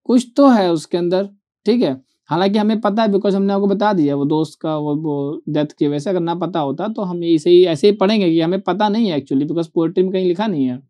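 Mellow-voiced male teacher explaining poetry. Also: high-pitched. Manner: keeps asking if students follow, reads verse lines slowly. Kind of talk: online poetry lecture.

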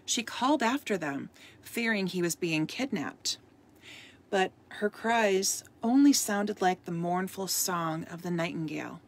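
Woman storyteller, low husky voice with gravel, soft-spoken, reads a tale aloud. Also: expressive, unhurried.

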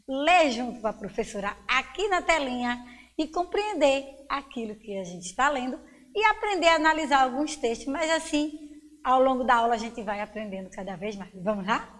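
A woman's voice: high-pitched, animated, a bit bright, big-room sound. A woman with a Pernambuco accent teaching a fourth-grade reading lesson, encouraging and asking questions. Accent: Pernambuco Brazilian Portuguese. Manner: slow, encouraging, asks the pupils questions.

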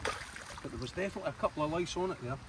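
A Scottish man angling outdoors on a riverbank, chatting casually in a relaxed way with dialect words. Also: fairly high pitch, fast talker. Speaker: angler. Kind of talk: casual chat. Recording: distant voice with outdoor noise.

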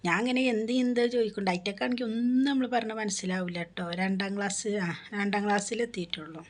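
A woman's voice: mid-range voice, breathy edge. Chatty woman vlogger. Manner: chatty, animated retelling with many restarts. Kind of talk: casual storytelling to viewers.

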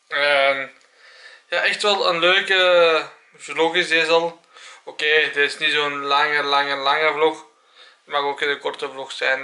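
Young Flemish man for vlog chat, rather high voice, leisurely pace, English catchphrases mixed in. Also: pushed and bright. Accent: Flemish Belgian. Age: 20s. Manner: peppers talk with English phrases. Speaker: vlogger. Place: small room at home. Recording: roomy, echoey home recording.

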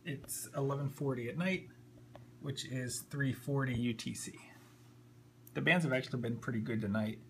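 A man with a medium-pitched, creaky voice narrates a casual, unscripted tutorial while sitting at a computer desk indoors. He's recorded on a handheld camera held slightly off-screen, with faint hum and noise in the background.

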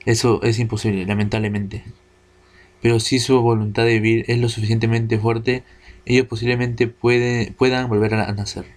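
A man reading the lines of a grave, earnest male spirit guardian in a video game, in a measured, formal way. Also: medium pitch, little pitch movement, darkish tone, natural voice. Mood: solemn.

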